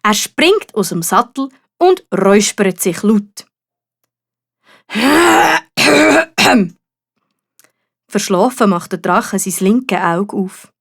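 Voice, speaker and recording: A woman's voice: medium pitch, lively intonation, unhurried. A woman with a Swiss German accent narrating a children's story expressively, as a storyteller.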